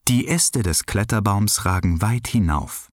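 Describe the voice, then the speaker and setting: A man reading a children's story aloud in an expressive, unhurried way. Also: no room sound, studio quality. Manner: expressive, unhurried, lively pitch.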